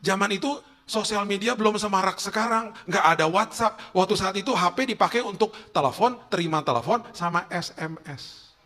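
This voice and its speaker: A man, a pastor preaching in a lively, joking storytelling way full of casual slang. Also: sits high, a little fast. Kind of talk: humorous storytelling sermon.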